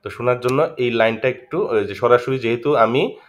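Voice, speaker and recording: A man's voice: medium pitch, moderate pace, slight background noise. A male teacher gives a chatty video lesson. He keeps checking in with "right?" and often repeats himself. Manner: chatty, repetitive, frequent "right?" check-ins.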